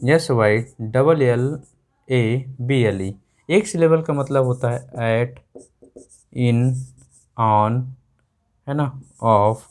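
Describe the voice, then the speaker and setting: A man's voice: medium pitch, drawn-out words, long pauses, a little mellow. A male explaining grammar in a classroom lesson, repeating each point back as a question to his students. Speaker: English teacher.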